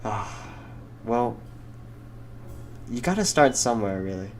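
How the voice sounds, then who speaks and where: A man's voice: medium pitch, lively intonation, measured pace, a little hiss or hum. A young man co-hosting a casual podcast, easygoing and hesitant with many fillers. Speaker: podcast co-host. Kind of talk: casual chat.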